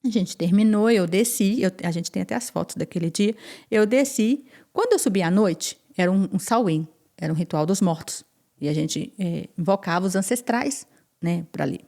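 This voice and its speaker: A woman guest on a podcast, telling her personal testimony in an animated way, repeating phrases and acting out what others said. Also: medium pitch, normal speed, gravelly. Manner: animated, repeats phrases and acts out quoted speech.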